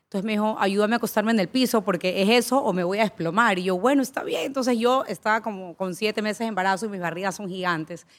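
A woman's voice: mid-range voice, fast talker, hardly any pauses. Woman in her 30s telling work stories, chatty, acts out what people said. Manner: animated storyteller who acts out quoted voices. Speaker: aesthetician at a spa. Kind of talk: casual chat, telling anecdotes.

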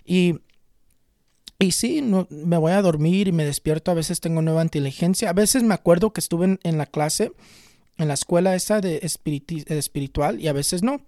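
A young man in his twenties speaks in a mellow, warm tone, telling a personal story to camera as a spiritual healer. He is earnest and unhurried, often circling back and repeating words. The recording is dry and close, with no room echo. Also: on the high side. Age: 20s. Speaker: tarot reader and spiritual healer.

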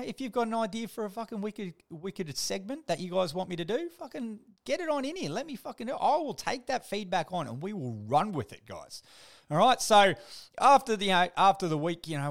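A middle-aged man with an Australian accent hosting a casual solo podcast, talking like a blokey, sweary tradesman full of slang. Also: high-pitched. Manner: blokey, laid-back tradie slang, swears freely. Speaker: podcast host.

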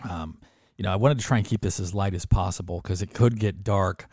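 A man's voice: low-pitched, a little fast, a little mellow, no echo, clean studio sound. A man hosting a podcast, chatting in an easygoing, joking way with his guest. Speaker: podcast host. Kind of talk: casual podcast chat.

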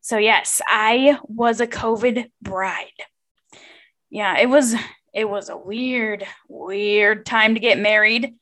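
A woman's voice: mid-range voice, steady tone, takes it slowly, fairly bright tone. A young woman hosting a podcast, talking alone in a chatty, informal and confiding way about personal things. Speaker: podcast host.

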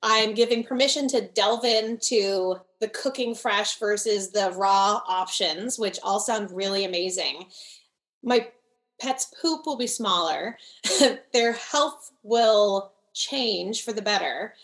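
Mid-pitched woman co-hosting a casual podcast chat. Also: slow, fairly bright tone. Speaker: podcast co-host.

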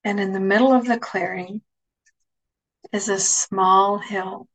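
A woman leading guided relaxation imagery as an instructor, speaking softly and soothingly, with phrases that sink toward a breathy near-whisper. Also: medium pitch, steady tone, slow, rough recording.

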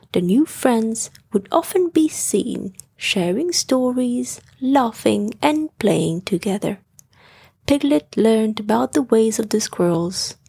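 Breathy, slow bedtime-story narrator, a woman with a high voice and a dry close sound. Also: no room sound. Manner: soft, half-whispered delivery.

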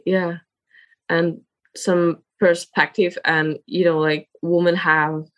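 A young woman whose native language is Indonesian is the guest in a casual English interview, speaking in a fairly low, flat voice. She halts often, searching for words and using many fillers.

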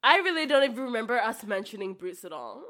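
High-pitched giggly woman chatting. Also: sing-song, quick pace, pushed and bright. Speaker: podcast co-host. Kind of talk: casual chat reviewing a movie.

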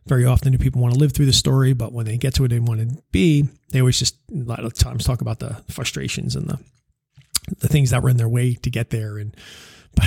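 Husky-voiced man telling a family story. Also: mid-range voice, a little mellow, no room sound, studio quality. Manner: rambling, full of "you know" and "right?" asides; chuckles at his own mishaps. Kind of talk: casual personal storytelling turning reflective.

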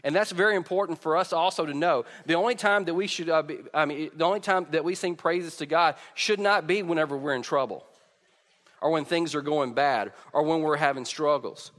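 Man, slightly high voice, informal sermon, repeated phrase starts, pulpit microphone, long hall reverb. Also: a little fast, a bit bright. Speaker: preacher. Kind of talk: conversational sermon to a congregation. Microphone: pulpit or stage microphone over PA.

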